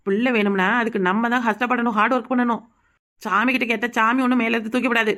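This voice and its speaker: A woman voicing a sharp-tongued young village woman in a cartoon comedy, sarcastic and irreverent, with a Kanyakumari Tamil accent. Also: on the high side, steady tone, fast talker, natural voice. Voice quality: sarcastic, mouthy.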